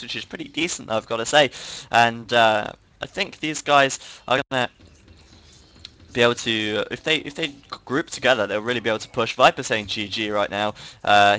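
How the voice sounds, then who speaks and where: A man's voice: mid-range voice, pushed and bright, rough recording. Tired man calling a game. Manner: brisk play-by-play with frequent fillers. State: tired, yawning. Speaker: game commentator. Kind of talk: live strategy game commentary.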